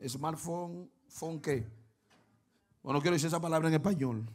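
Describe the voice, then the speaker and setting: Man, high-pitched voice, fervent sermon, sudden shouts and quiet asides, questions to the congregation. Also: normal speed. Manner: swings from hushed asides to shouted exclamations. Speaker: pastor. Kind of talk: lively Pentecostal sermon.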